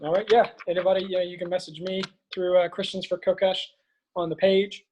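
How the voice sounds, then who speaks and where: A man's voice: high-pitched, level tone, brisk, a little mellow, highs cut off, a little hiss or hum. A man hosting a casual podcast conversation, chiming in with brief, agreeable remarks. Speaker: podcast host.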